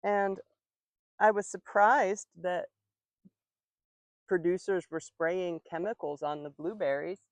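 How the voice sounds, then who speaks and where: A woman teaching English slowly and clearly while working in her garden. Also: fairly low pitch, steady tone, dry recording. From United States. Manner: slow, clear, patient explaining. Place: outdoor garden, rooster in background.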